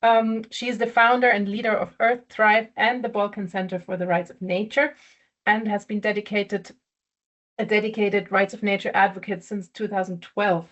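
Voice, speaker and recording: A woman's voice: medium pitch, flat delivery, moderate pace, a bit bright. Lady moderator on a webinar, polite, lots of ums, kinda muffled audio. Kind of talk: moderating and introducing a speaker. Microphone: video call.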